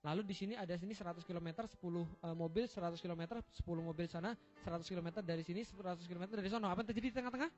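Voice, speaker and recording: Fast, high-voiced joking preacher man. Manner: joking, quizzing the audience with rhetorical questions. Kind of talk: humorous religious lecture with slides. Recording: dull lo-fi recording with faint music.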